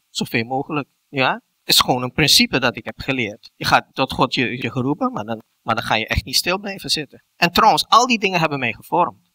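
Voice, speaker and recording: A man's voice: fairly high pitch, bright, forceful tone, dry recording. A middle-aged man preaching as a pastor, reading scripture aloud and explaining it with questions put to the congregation. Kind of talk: sermon.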